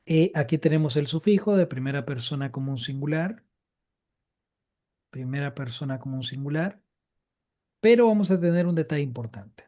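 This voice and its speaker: A man's voice: fairly high pitch, warm tone. A man teaching a live Biblical Hebrew grammar class, explaining patiently and repeating each key point.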